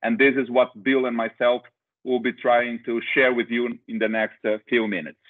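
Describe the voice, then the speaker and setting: A Brazilian company director in middle age presents a webinar by video call, speaking at a normal speed with a level tone and medium pitch. His Brazilian Portuguese accent comes through, along with hesitant restarts and plenty of uhs, all in tinny call audio.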